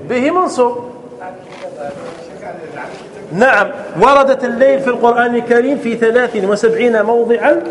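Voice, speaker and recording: A man with a high voice gives a classroom grammar lesson, repeating examples over and over so they stick. He keeps checking "clear?" and hands the floor to students. A faint hiss of background noise runs under his voice. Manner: prompts students to answer; repeats key phrases to drill them. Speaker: teacher of Arabic grammar.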